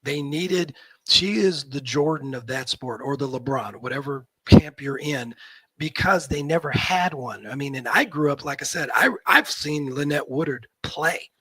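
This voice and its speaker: A man in his fifties from Nebraska, a guest talking in a casual, animated, opinionated way on a video call. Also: fairly high pitch, moderate pace, husky, no room sound, poor audio. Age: 50s. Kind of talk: casual chat.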